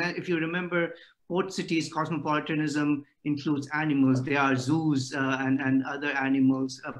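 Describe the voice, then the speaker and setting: A middle-aged man delivers an academic talk over a video call. His voice sits a little high for a man. He pauses often and fills the gaps with "uh.". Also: a bit bright. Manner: hesitant, many "uh" fillers. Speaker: lecturer.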